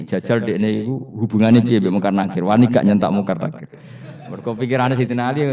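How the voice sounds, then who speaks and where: A man with a warm, fairly low voice and a Javanese accent delivers a Quran study sermon, telling stories, asking the audience questions, and drawing laughter. The recording is dull and distant, with the roomy sound of a hall.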